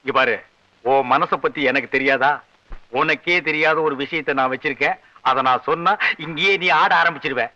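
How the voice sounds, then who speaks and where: A wily, teasing troupe manager. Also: male voice, on the high side, moderate pace, bright, forceful tone. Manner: chatty, teasing, conspiratorial. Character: wily elder brother figure, scheming and jokey. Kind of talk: 1980s film drama. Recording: dull lo-fi film soundtrack.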